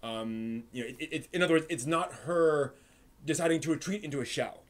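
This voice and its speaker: A slightly high, brisk male voice belongs to the host of an anime live stream. He's casually replying to chat, thinking aloud with many fillers and false starts.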